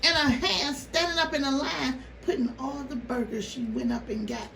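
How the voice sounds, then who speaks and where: A woman vlogger telling a story casually to her viewers, animated and exasperated, with rhetorical questions. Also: high voice, moderate pace. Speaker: mukbang vlogger. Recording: roomy, noisy, distant microphone.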